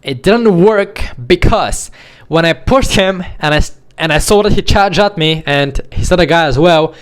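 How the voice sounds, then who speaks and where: Young man telling a story, slightly high voice. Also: normal speed, smooth. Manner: animated, acts out the scene with quoted voices. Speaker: vlogger. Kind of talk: casual storytelling to camera.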